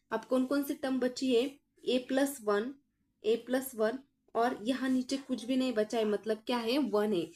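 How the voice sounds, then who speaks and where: A woman teacher with a fairly high voice works through a math lesson one step at a time. She keeps asking her students what comes next and answers right away, in a patient, explaining tone. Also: a little mellow. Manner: explains aloud, asks the class questions and answers them herself; addresses students as children.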